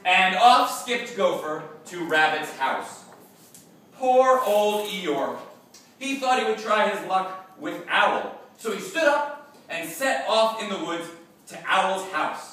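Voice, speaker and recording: A man narrating a children's class play in an expressive, drawn-out storytelling manner. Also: sits high. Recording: echoey room, voice from far off, faint hiss.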